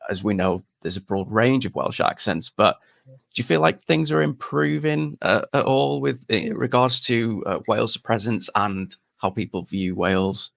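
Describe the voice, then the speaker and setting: A man's voice: on the low side, normal speed, creaky, a bit bright, dry recording, studio quality. A man asks questions in a casual interview, phrasing them in a tentative, roundabout way.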